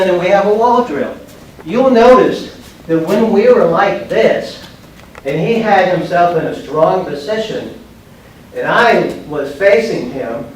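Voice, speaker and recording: An older man, in his sixties or so, giving an instructional martial arts demonstration in short, plain, step-by-step phrases. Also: fairly high pitch. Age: older, about 60s. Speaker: judo instructor. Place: large bare padded indoor training room. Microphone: distant camera microphone. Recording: echoey room, far microphone, background noise.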